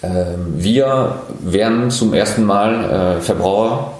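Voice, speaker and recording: A man in his forties from France, speaking German with a French accent, answering interview questions as a startup founder with thoughtful pauses. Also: on the low side, a little mellow, heavy reverb. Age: 40s. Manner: thoughtful, many pauses and fillers.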